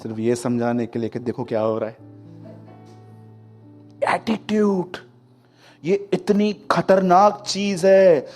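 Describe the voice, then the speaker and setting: A man preaching a sermon, telling stories and swinging between loud and hushed delivery. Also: high voice, slow pace, long pauses, soft background music. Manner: lively storytelling, acting out quotes, swings from loud to hushed. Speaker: pastor.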